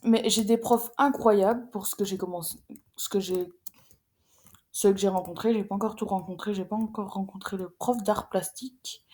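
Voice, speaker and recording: A teenage girl, chatting casually to her viewers in a fast, rambling, slangy way with some swearing. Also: mid-range voice, steady tone, dark tone. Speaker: vlogger, secondary school student. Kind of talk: casual chat to camera.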